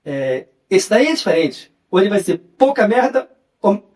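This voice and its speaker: A relaxed young man with a high-pitched voice and a Carioca accent from Rio de Janeiro, Brazil, talks at a moderate pace during a casual podcast interview. The journalist and writer reminisces in a chatty manner, often finishing his sentences with a questioning "né."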